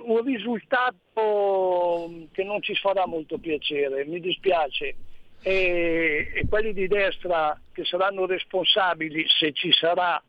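Male radio call-in listener, fairly high voice, tinny phone line, rambling and worried. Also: dry recording. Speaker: radio show caller. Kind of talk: casual call-in chat.

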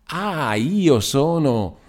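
A man's voice: medium pitch, moderate pace, a little mellow, clear, resonant tone, voice pushed up, natural voice. A man voicing a stubborn, mocking lame old man who talks shrilly and with a sneer.

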